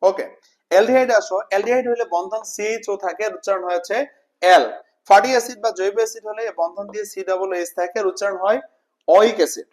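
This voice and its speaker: Male tutor, higher-pitched voice, informal lesson, repeats terms and checks understanding. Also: racing, darkish tone. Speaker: chemistry tutor. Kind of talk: informal exam-prep lesson.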